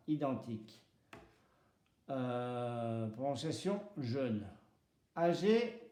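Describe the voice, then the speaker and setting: Man, French teacher, slightly high voice, mellow, deliberate repetition of words, echoey room. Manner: spells out pronunciation rules, switching between French and Basque. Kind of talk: slow, deliberate language lesson with repeated example words. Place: home. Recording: roomy echo.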